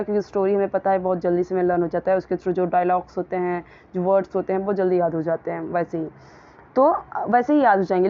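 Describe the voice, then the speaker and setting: A woman with a mid-range voice teaches English grammar and pronunciation in a casual, patient manner. She often repeats words slowly so listeners can copy them. The audio is narrow and tinny.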